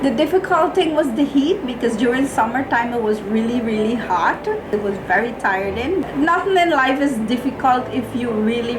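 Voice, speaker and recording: Music plays in the noisy background as a small business owner, a middle-aged woman with a Guyanese accent, answers interview questions about her life in a plain-spoken, colloquial way. Her voice runs on the high side.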